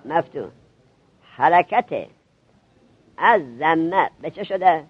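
A man teaching a classroom grammar lesson to seminary students, drilling them with quick questions. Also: on the high side, lively intonation, slightly rough, muffled recording.

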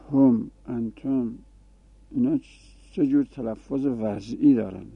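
Gravelly-voiced man teaching grammar, phone-like sound. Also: medium pitch, no room sound. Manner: explanatory, repeats example forms aloud. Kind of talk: classroom grammar lesson. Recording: tinny phone-like dry recording.

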